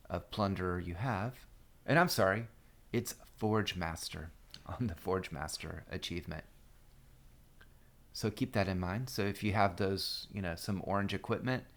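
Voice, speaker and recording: A man with a somewhat low voice narrates a strategy game walkthrough. He talks casually into a desk mic, leaning on fillers and restarting his sentences as he explains. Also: fairly bright tone. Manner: loose, filler-heavy, full of "you know" and restarts. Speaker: game guide host.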